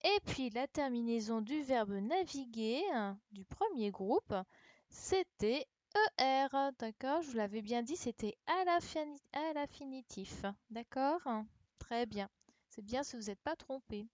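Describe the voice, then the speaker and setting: A primary school teacher leads an online class through a dictation correction, spelling letters patiently and checking her pupils follow. She speaks at a measured pace in a high-pitched voice with lively intonation. Her video-call computer mic produces dull, lo-fi sound with no echo.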